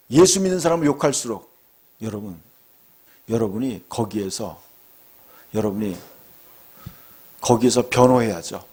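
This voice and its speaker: A man's voice: a little high, a little mellow. A middle-aged male pastor preaching a fervent sermon, often calling out to his congregation.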